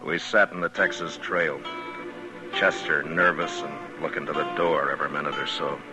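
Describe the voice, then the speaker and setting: An actor playing a steady, tough frontier marshal who also narrates, in a calm, clipped, commanding 1950s radio drama style. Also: male voice, extremely low pitch, normal speed. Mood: reflective. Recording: old radio broadcast with music.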